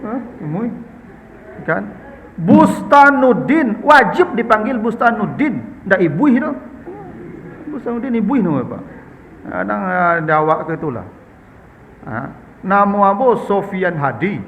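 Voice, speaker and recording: A man's voice: high-pitched, animated, a little slow, long pauses, a bit bright, big-room sound, a little hiss or hum. A man with a Minangkabau accent preaching in a chatty, humorous way, often addressing his listeners as sir and ma'am. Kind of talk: conversational Islamic study talk answering questions.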